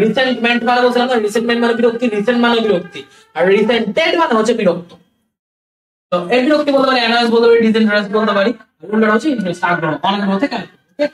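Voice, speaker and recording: A man's voice: very high-pitched, a bit bright. Man, vocabulary teacher, repeats himself, checks understanding, roomy echo, sits back from the mic. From Bangladesh. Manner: repeats words, keeps checking understanding, mixes in English. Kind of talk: vocabulary class lecture. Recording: echoey room, voice from a distance.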